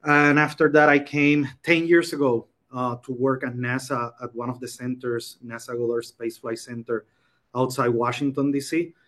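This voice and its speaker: Male presenter, forties, from Puerto Rico; halting delivery, video-call sound. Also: mid-range voice, flat delivery, a bit bright. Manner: hesitant, many ums and uhs. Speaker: program coordinator presenting. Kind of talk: online conference presentation.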